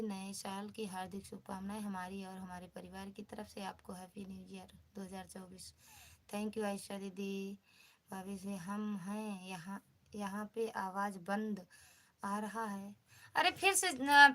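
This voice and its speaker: Bright-voiced woman chatting on a live stream. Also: mid-range voice. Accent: Awadhi. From northern India. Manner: chatty, greets viewers by name, reads out comments. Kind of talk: casual live stream chat.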